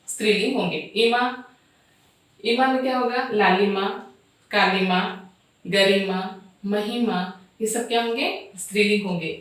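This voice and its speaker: A woman teacher talks slowly and deliberately through a grammar lesson, repeating word lists and asking questions before she answers them. Her voice sits at a middle pitch and is picked up from a distance in a strongly echoing room. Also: a bit bright. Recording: echoey room, voice off-mic.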